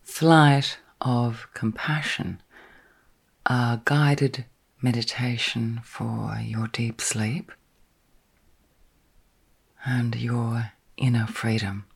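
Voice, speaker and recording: Guiding a sleep meditation, a woman uses a rumbling low voice with a steady tone. She is breathy and soft, sometimes whispering, and calmly soothing, with long gaps between short phrases.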